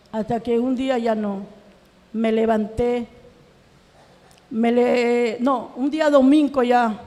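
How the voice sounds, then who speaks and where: A woman's voice: fairly high pitch, warm tone, big-room sound. A middle-aged woman from Peru giving an earnest, emotional personal testimony in a church, acting out remembered conversations as her voice rises in anguish. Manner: earnest, acts out remembered dialogue, voice rising in anguish. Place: church hall.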